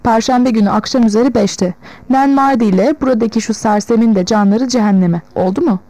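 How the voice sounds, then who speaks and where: A bossy old village tailor barks orders and snaps at his helper, as a woman reader puts him on. The voice stays mellow and dark, in a plain audiobook telling. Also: on the high side, a little fast, no room sound, natural voice, low-quality recording. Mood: snapping. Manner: bossy, snapping. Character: gruff scolding old male village tailor. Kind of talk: audiobook reading.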